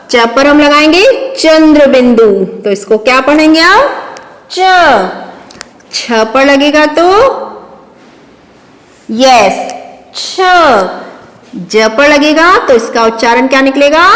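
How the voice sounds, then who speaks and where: Slow, patient woman teacher in an echoey room. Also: high voice. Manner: slow, patient, repeating each sound for kids. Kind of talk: children's phonics lesson. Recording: roomy echo with long reverb.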